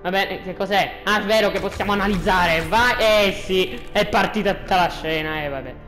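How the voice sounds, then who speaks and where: A gaming host talks casually over gameplay. The delivery is joking and excitable, often repeating phrases, at a middling pitch, with music playing underneath. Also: brisk.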